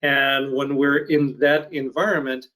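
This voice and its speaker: A man's voice: mid-range voice, level tone, fairly bright tone, low-quality recording. Thoughtful man from Ukraine, video call. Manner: thoughtful, measured, hesitant with fillers. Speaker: podcast host. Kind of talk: casual interview chat.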